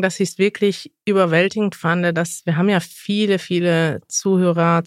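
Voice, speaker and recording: A woman's voice: on the low side, dry recording, clean studio sound. A woman co-hosting a podcast, talking in an earnest, thoughtful way and reading listener messages aloud. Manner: earnest, thoughtful, with some hesitant restarts. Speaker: podcast co-host.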